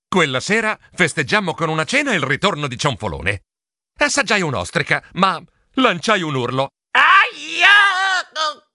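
A man narrating a children's storybook in a theatrical way, with sound effects and drawn-out words. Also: fairly high pitch, bright, forceful tone, no room sound, clean studio sound. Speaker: storybook reader.

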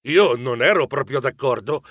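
A man narrating a children's audiobook in first person, animated and a little jittery. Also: medium pitch, moderate pace, no room sound, clean studio sound.

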